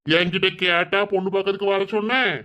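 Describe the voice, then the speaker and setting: A man voicing a stubborn, drunk middle-aged village father in a cartoon, speaking in a Kanyakumari Tamil accent with gruff, defiant scolding. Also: sits high, steady tone, fairly quick, pushed and bright, dull audio. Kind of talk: cartoon voice acting.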